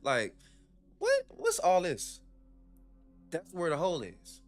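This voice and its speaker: A man streaming, reacting to a video with animated, profane, rhetorical ranting in casual commentary. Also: a little high, slow, faint music behind.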